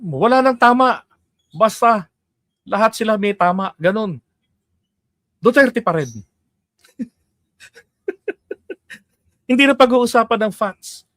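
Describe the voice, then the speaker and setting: High-pitched filipino guy doing political commentary, chatty, laughs a lot, super dry close mic. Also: lively intonation, slow pace, long pauses, fairly bright tone, no echo. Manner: chatty, laughs often, asks "di ba?" to listeners.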